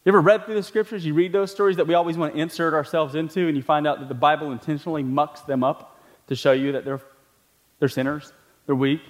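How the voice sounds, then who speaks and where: A man preaching a sermon as pastor, talking conversationally with questions to the listeners, then climbing to emphatic peaks and dropping low. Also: fairly even intonation, quick pace. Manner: laughs between points, asks the congregation questions.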